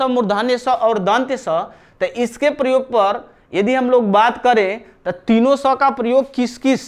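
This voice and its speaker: Male teacher, live online class, slow careful pace, repeats key terms, writes on a board. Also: very high-pitched. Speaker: Hindi grammar teacher.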